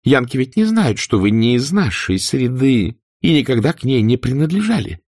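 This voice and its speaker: Spinster woman full of cold hatred, read by a man, pitched up, lively. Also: moderate pace. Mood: trembling rage. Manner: icy, trembling with anger.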